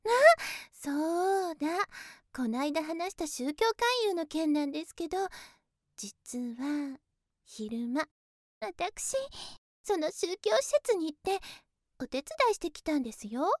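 A woman's voice: high-pitched, lively intonation, a little slow, darkish tone, no echo, studio quality. A woman voicing a naive, sheltered young woman who speaks in very polite, airy, innocent formal speech, in a one-sided voice drama. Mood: sweet, naive.

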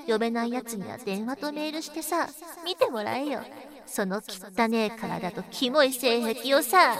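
A scornful, domineering woman, played by a young woman in an adult audio role-play, with a somewhat high voice. She talks rough and coarse, mocking and belittling without letting up. A murmuring crowd is heard behind her.

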